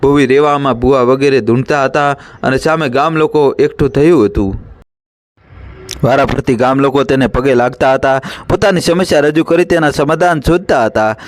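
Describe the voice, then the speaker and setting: A man reading a village story aloud as narrator, in a steady, measured way. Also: a little high, no echo.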